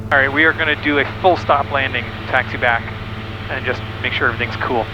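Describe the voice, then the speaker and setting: A man piloting a small plane, calmly calling out his checklist over the cockpit headset intercom. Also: medium pitch, fast talker, highs cut off, noisy background. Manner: calm, running checklist callouts. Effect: speaking over the aircraft intercom headset in the cockpit. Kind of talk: talking through a test flight. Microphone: headset mic.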